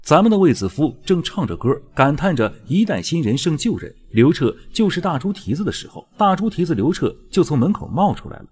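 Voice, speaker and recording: A man's voice: fairly high pitch, sing-song, fairly quick, few pauses, a little mellow, husky. A man narrating a drama recap as joking, colloquial, scripted storytelling commentary. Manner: wry, colloquial, playful.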